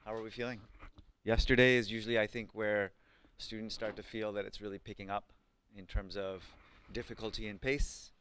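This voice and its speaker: A Pakistani man in his thirties teaches a live coding bootcamp class in a lowish, clean, fairly bright voice with fairly quick pacing and little pitch movement. He's chatty and conversational, full of ums and likes, and keeps asking the students questions.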